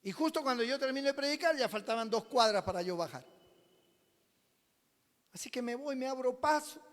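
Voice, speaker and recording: A man, a pastor preaching a sermon as a personal testimony, telling it dramatically and swinging between loud passages and hushed ones. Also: very high voice, lively intonation, normal speed. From Peru. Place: church sanctuary. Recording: long reverb of a church hall.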